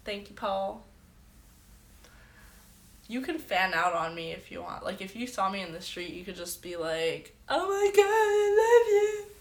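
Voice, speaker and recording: A woman's voice: fairly low pitch, steady tone, unhurried, long pauses, fairly bright tone. Chatty woman streaming from an echoey room. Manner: chatty storyteller, heavy "like" filler. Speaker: livestream host. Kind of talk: casual livestream chat. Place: her bedroom.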